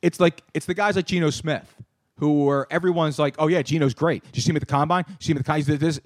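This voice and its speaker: A man in his thirties hosting a casual sports talk show, animated and ranting, often repeating words. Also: on the high side, quick pace, no echo, clean studio sound. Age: 30s. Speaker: podcast host.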